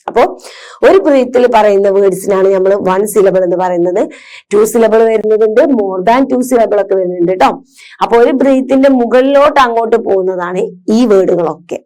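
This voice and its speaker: A woman's voice: medium pitch, dark tone. A woman teacher patiently explaining grammar to children, asking and answering her own questions. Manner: patient, asks and answers her own questions, mixes English terms into Malayalam.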